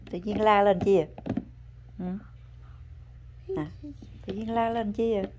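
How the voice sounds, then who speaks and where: A woman chatting at home with her toddler as a mother, coaxing and praising in a patient, gentle way. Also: mid-range voice, steady tone, measured pace, background noise. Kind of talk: casual family chat to a small child. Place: home, indoors.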